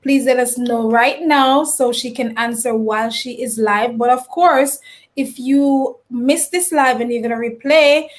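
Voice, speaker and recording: A woman hosting a casual live stream interview, animated as she greets viewers and reads out their comments. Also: on the high side, a little slow.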